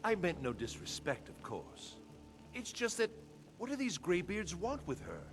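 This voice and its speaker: An actor playing a gruff middle-aged male warrior in a video game, speaking bluntly and earnestly. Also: high-pitched, wildly swooping pitch, measured pace, music in the background, heavily acted. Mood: uneasy.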